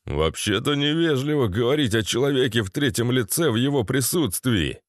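A man's voice: medium pitch, lively intonation, normal speed, no echo, studio quality, natural voice. Man voicing a crude, whiny fat buddy. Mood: complaining. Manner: coarse and complaining.

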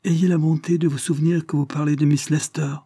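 A languid, stern noblewoman, voiced by a man in an audiobook. She speaks coolly and severely. The voice is dark and slightly husky. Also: medium pitch, moderate pace, no room sound, clean studio sound. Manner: cool, severe. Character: languid, stern aristocratic lady.

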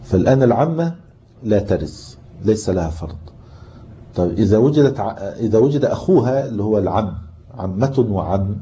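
This Egyptian-accented man has a lowish, dark, expressive voice and speaks a little fast as he teaches Islamic inheritance law. Patient in his explanations, he reads from the book and asks the class questions, heard on muffled lo-fi tape with faint hiss.

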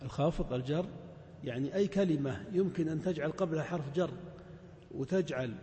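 A man's voice: fairly high pitch, a little fast, dark tone, slight background noise. A man teaching a grammar lesson in a mosque, explaining step by step with many examples and questions to his students. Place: large mosque hall. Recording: echoey hall reverb.

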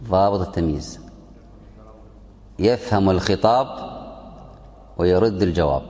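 A man's voice: low-pitched, moderate pace, mellow, in a large hall. A man teaching a religious text to a class, repeating key phrases and quizzing his students. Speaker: sheikh teaching a fiqh text. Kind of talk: classroom lesson explaining a text.

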